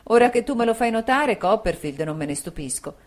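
A woman's voice: on the high side, expressive, fairly quick, voice pushed up. A woman reading the part of a shy, earnest young man who speaks in a hesitant, thoughtful way in an audiobook.

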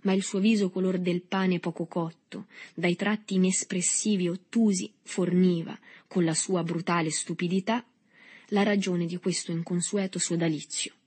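A woman narrating a novel with a steady literary reading. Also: on the low side, moderate pace, slightly rough.

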